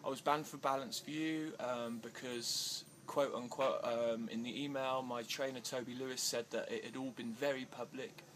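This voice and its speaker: A hesitant male interviewee answers casual questions outdoors in India, with noise in the background. His medium-pitched voice keeps a steady tone and fairly bright quality at normal speed with hardly any pauses, yet he uses many fillers and restarts and becomes increasingly agitated.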